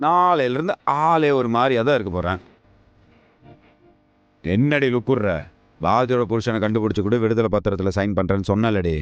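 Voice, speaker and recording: A man's voice: on the low side, lively intonation, normal speed, pauses often, clear, resonant tone, no echo, muffled recording, soft background music, natural voice. A man playing a smug, gloating husband. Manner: boastful, teasing, smug. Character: cocky gloating man, taunting his wife. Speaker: actor in a TV serial. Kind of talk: TV serial acting.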